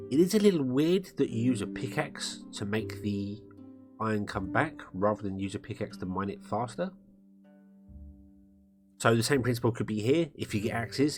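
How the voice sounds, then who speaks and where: A man giving live commentary on a game while he plays, rambling and thinking aloud. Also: fairly low pitch. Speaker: game streamer. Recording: music playing under the voice. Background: guitar music.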